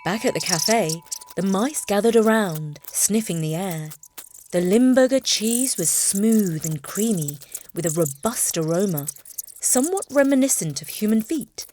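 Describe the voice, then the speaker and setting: A woman narrating a children's storybook in an expressive, playful reading. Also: mid-range voice, unhurried, a little hiss or hum.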